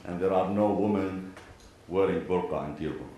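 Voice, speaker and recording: Low and dark in tone, the voice of an Iraqi-accented imam from Iraq and Kuwait carries through a large indoor venue as he formally addresses a gathering. He speaks in deliberate, measured phrases, pausing and repeating parallel sentences, and clears his throat frequently. The hall is very echoey, with faint background noise.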